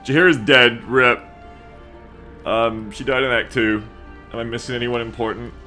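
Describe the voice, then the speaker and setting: With music in the background, this man streams games and jokes around casually, cursing without restraint as he talks about the game. His medium-pitched voice is pushed and bright, fairly even in intonation, at normal speed.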